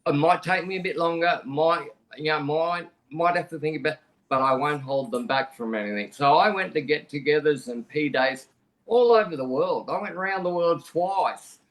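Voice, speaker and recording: A man's voice: on the high side, moderate pace. Frank Australian man, slightly raised voice. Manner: conversational, frank, plain-spoken with frequent restarts. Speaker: podcast guest. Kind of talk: candid personal storytelling.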